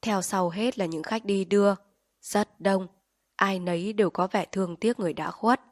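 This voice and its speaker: A woman reads an audiobook in a calm, measured way, with a pitch in the middle of the range. The sound is dry and close, with no room echo. She tells the story in a steady, even voice. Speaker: narrator. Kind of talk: audiobook reading.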